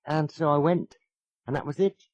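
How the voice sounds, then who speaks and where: A radio presenter in his fifties spins wry, self-deprecating anecdotes, chuckling along the way. His voice is on the high side, steady in tone, and moderately paced. The dry recording sounds like a muffled old radio broadcast.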